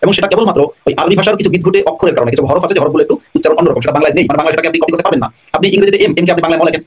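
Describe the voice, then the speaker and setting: A man answering questions on a live stream, talking very fast in a somewhat high, husky voice. He explains at length and repeats his phrases to press his points home. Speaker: guest scholar answering questions. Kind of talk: live online talk, answering callers.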